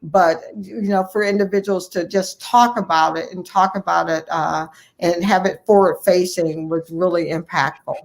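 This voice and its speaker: A family physician from Ohio, United States, speaks as an interview guest in a fairly low, steady, gravelly voice at a moderate pace. Her delivery is conversational and earnest, and she stresses points firmly, often repeating a phrase for emphasis. The recording quality is low.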